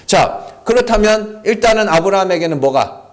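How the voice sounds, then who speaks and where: A high-pitched, animated male pastor delivers a sermon at a Friday prayer meeting inside a church sanctuary. He speaks at a moderate pace, conversational yet emphatic, throwing out rhetorical questions to the congregation.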